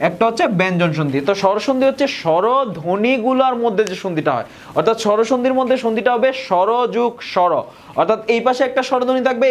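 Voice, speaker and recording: A young man from Bangladesh, teaching a grammar lesson and often repeating key points and slowing down on example words. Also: sits high. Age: young adult. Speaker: tutor.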